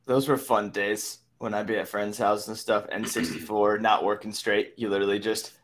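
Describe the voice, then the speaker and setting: A man's voice: fairly low pitch, flat delivery, moderate pace, fairly bright tone. A man talking in a casual podcast chat, reacting eagerly to the others.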